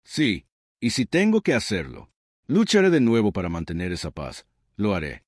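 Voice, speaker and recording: A war-weary human soldier speaks steadily and with firm resolve, as a man narrating the story voices him. The voice is fairly low yet lively in pitch. The recording is dry and close. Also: moderate pace, no room sound. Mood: resolute. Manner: steady and determined.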